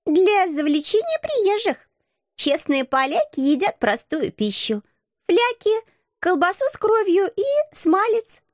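A woman doing a curt high-pitched innkeeper girl. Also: sing-song, unhurried, no echo, clean studio sound, heavily acted. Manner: curt, dismissive. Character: plump rosy-cheeked young female innkeeper, blunt and curt.

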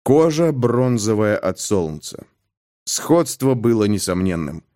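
Male audiobook narrator, dramatic thriller reading, lively rising-and-falling pitch. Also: slow. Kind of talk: scripted narration.

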